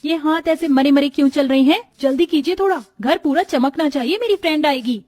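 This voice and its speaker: A woman's voice: sits high, brisk, soft background music, lightly acted. A woman playing a bossy spoiled daughter-in-law. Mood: scornful. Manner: sharp, scolding and bossy. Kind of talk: storybook voice acting.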